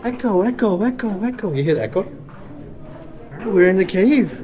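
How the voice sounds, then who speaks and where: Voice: mid-range voice, animated, normal speed, a crowd in the background. Parent calling out in an echoing cave. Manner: playful, calling out to hear the echo. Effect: echoing inside a cave. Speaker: family vlogger. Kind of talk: casual family vlog. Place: inside a show cave.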